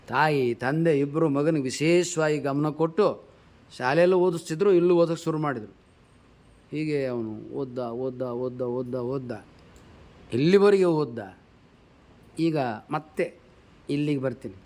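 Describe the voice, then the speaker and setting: A man giving a storytelling sermon, asking his listeners questions and dropping soft and low for tender moments. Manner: slowly chants a verse. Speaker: preacher.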